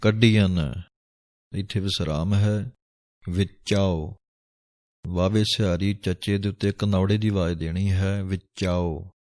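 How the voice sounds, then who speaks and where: A man's voice: sits low, steady tone, moderate pace, darkish tone, no room sound, studio quality. A man teaching scripture pronunciation, who draws out each verse in a chanted recitation and then explains it carefully.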